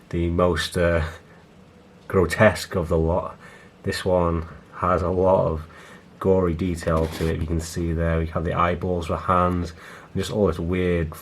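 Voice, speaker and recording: His voice very low, hoarse and darkish, this man sounds exhausted, as though it's giving out. He loosely rambles about his collection in a casual show-and-tell, frequently starting sentences over like a vlogger presenting his shelves.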